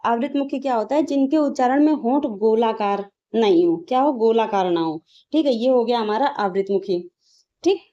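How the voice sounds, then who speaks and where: A woman's voice: a little high, dark tone. A woman teaching grammar for exam prep, checking in with "ठीक है" after points and asking then answering her own questions. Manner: repeats "ठीक है" as a check-in, drills sounds aloud; asks questions and answers them herself. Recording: slightly dull lo-fi audio.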